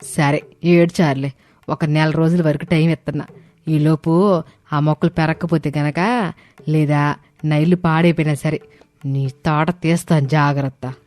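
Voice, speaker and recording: A woman voicing a bossy, wealthy mother-in-law in an animated story, talking in a sharp, scolding way. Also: deep voice, a little slow, pauses often, dry recording.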